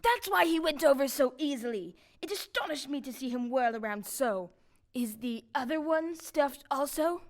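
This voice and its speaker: A woman's voice: high voice, lively intonation, normal speed. A woman playing a big cowardly lion, plaintive and self-pitying, in a stage audio play. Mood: defensive, curious.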